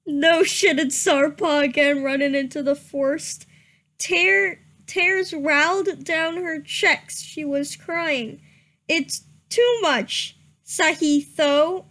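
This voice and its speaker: Reading a fan fiction story aloud as a comedic dramatic performance, this woman has a very high, slightly bright voice and draws out her words. She giggles constantly, often dissolves into helpless laughter, and stumbles over misspelled words by reading them literally.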